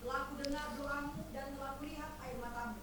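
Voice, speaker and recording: A woman from the congregation reading scripture aloud in a steady, careful way, far from the microphone. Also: high-pitched, fast talker. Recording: faint voice from far off the mic.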